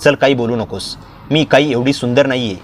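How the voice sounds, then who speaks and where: A man voicing a married middle-aged aunt in a storybook reading, speaking softly and confidingly in his own voice. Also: mid-range voice, brisk, a little hiss or hum, close to an everyday voice. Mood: fond.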